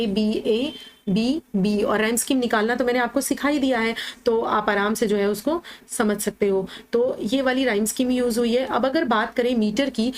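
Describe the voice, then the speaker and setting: A woman, a literature teacher, explains poetry in a Hindi-lecture. She works step by step, asks her own questions and answers them, and often checks in with "ठीक है". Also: a little high. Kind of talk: Hindi-English lecture over slides.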